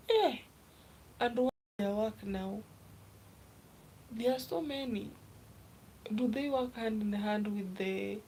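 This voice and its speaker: A young woman from Kenya chatting casually on a live stream, reading viewer comments aloud and often dropping to a soft, half-whispered voice. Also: mid-range voice, slight background noise, rough recording. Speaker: livestreamer.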